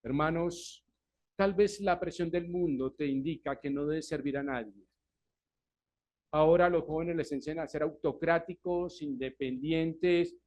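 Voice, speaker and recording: A male pastor preaching a Sunday sermon, asking the congregation questions and answering them himself, swinging from loud emphasis to quiet asides. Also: a little high, measured pace. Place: church service.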